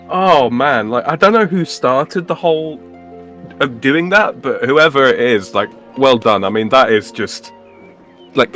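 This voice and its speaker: A man's voice: medium pitch, a bit bright. A man casually chatting and telling stories with friends while streaming an online game, laughing often. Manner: laughs often, drawn-out storytelling. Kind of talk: casual gaming chat.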